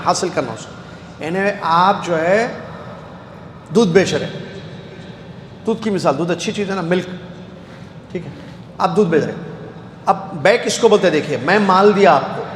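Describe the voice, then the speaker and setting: High-voiced male teacher in an echoey hall. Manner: asks the class questions and answers them himself, repeats key words. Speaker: Islamic studies teacher. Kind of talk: classroom lecture. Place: lecture hall. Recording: echoey hall with faint background noise.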